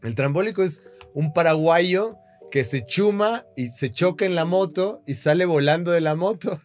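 A man's voice: fairly high pitch, moderate pace, soft background music. A young man, co-hosting a podcast with playful joking interjections. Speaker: podcast co-host. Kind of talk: casual chat.

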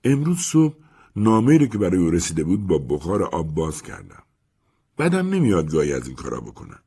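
A man voicing an eager, nosy young man in an audiobook, talking earnestly, with a husky edge to the voice. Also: sits low, wildly swooping pitch, warm tone, full character voice. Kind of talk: audiobook character voice.

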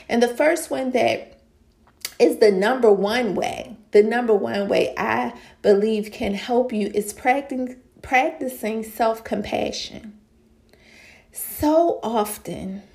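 Slow, gravelly motivational woman coach. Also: a little high, a little mellow. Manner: emphatic, repeats phrases, addresses listeners as y'all and honey. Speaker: life coach and podcast host. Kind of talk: motivational podcast talk.

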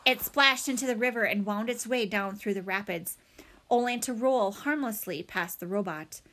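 A woman reading a children's novel aloud in a dramatic, expressive way. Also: medium pitch, normal speed. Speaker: audiobook reader. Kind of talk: storybook read-aloud.

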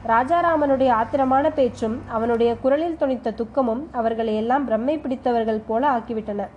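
Woman narrator, steady novel reading, slightly high voice, faint hiss in the background. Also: muffled recording. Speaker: story narrator. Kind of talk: reading a serialized novel aloud.

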